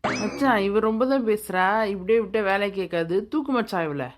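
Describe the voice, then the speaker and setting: A woman's voice: mid-range voice, expressive, moderate pace, natural voice. A woman voicing a short, cocky male street thug in a cartoon, taunting and swaggering. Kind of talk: cartoon voice acting.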